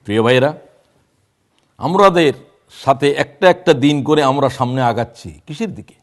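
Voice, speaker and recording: A man in his sixties preaching a sermon, reciting prayers and quoting verse in a drawn-out voice that swings between loud and hushed. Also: mid-range voice. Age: 60s. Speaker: Islamic preacher.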